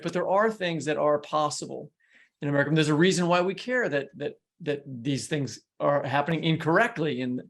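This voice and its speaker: Interviewing a guest on his podcast, a man talks in a relaxed, conversational manner, winding his way through lengthy, rambling questions. His pitch is fairly high.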